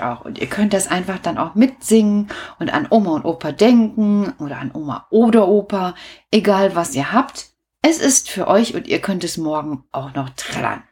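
A woman's voice: mid-range voice, a little mellow. A woman hosting a children's show, chatting casually to the kids in a rambling, self-deprecating way.

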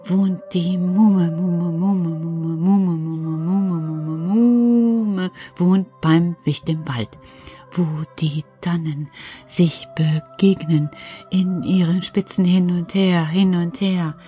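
A woman's voice: fairly low pitch, fairly even intonation, slow pace, warm tone, faint music behind. A woman voicing Petra, a dreamy female puppet character reciting rhymes in a sing-song way.

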